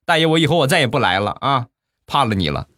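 A young man hosting a comedy podcast, telling funny stories with animated, exaggerated exasperation into a studio mic. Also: medium pitch, quick pace, no echo. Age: young adult. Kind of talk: comic storytelling podcast.

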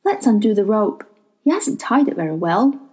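A woman voicing a steady, protective boy of about twelve who speaks in quiet, firm tones in a storybook reading. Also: mid-range voice, moderate pace, husky.

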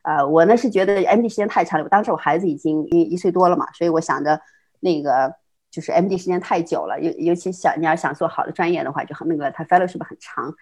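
A middle-aged woman from China, a guest telling her life story in casual conversation, quick and full of restarts and laughs. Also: sits low, darkish tone, slightly rough. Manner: fast, with many repeated words and restarts, frequent laughs. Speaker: interview guest.

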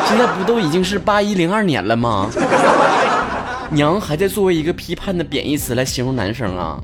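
A man with a Northeastern Chinese accent hosting a comedy talk show, joking colloquially through listener messages and firing off rhetorical questions. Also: medium pitch. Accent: Northeastern Chinese (Dongbei). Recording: loud music bed under the voice. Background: loud music.

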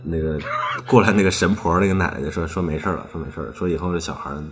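Speaking very fast, a man with a very low, deep voice rambles through an eerie story on a ghost-story podcast, chaining his clauses with "then" and circling back to phrases he's already said. Quiet music plays faintly behind his casual storytelling.

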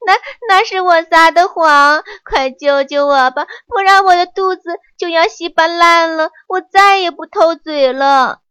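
A woman doing a squeaky, panicky little monkey. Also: a little slow, no echo. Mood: panicked pleading. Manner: high, excited, whining pleas. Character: greedy, sly little male monkey, easily scared. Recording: dull lo-fi, dry.

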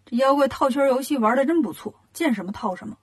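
A woman voicing a brash, impatient male monkey king in a children's storybook, loud and teasing. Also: high voice, animated, quick pace, slightly rough.

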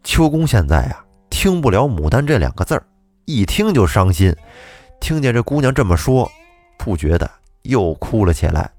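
A man's voice: on the low side, moderate pace, dry recording, soft background music. A man telling a classic folk tale as host, acting out the characters with a shifting voice. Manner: lively, acts out characters with shifting voice. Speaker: storyteller host.

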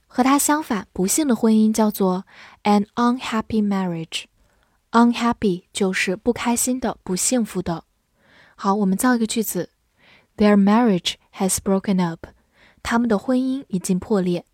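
A woman teaching English vocabulary, who spells out words letter by letter and reads example sentences slowly. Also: mid-range voice, a little mellow, no room sound, clean studio sound. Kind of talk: vocabulary lesson.

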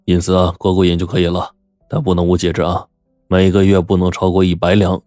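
A man's voice: sits low, monotone, a little fast, warm tone, dry recording, clean studio sound, soft background music, lightly acted. A man playing a blustering rich old squire. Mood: lecturing. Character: indulgent wealthy old squire, hot-tempered. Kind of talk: storytelling.

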